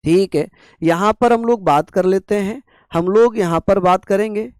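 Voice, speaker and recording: With a smooth, resonant, slightly mellow voice pitched fairly high, a man teaches a classroom lecture, leaning on rhetorical questions and slow repetition of important terms. No room echo is heard.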